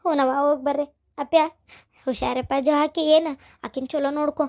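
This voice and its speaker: Nagging cartoon mother-in-law done by a woman, north karnataka accent, high pitched. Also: steady tone, fairly quick, a little mellow. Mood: fussing. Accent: North Karnataka Kannada. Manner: nagging, instructing. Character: fussy older mother-in-law, full of advice. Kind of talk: cartoon voice acting.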